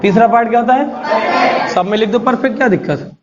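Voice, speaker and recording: High-voiced teacher scolding his class. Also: a little fast. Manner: drilling and coaxing, scolds the class to repeat aloud. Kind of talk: live classroom lecture. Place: classroom with students. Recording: muffled classroom recording with steady noise.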